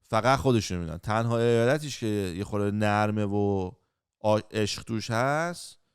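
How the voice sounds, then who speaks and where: A man's voice: fairly low pitch, clear, resonant tone, no echo, clean studio sound. A middle-aged man hosting a chat podcast, bluntly acting out whole conversations and swearing freely. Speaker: podcast host. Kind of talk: casual chat.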